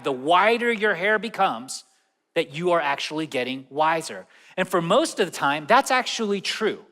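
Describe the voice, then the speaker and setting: Young male pastor, conversational sermon, bright voice, echoey hall. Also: sits high. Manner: conversational, asks the audience questions. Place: large church auditorium.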